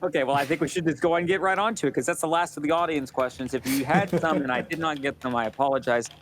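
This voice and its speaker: A man's voice: on the high side, fast talker, a bit bright, a little hiss or hum. A male talk show host in casual interview chat, upbeat and chatty, laughing often as he reads out audience questions.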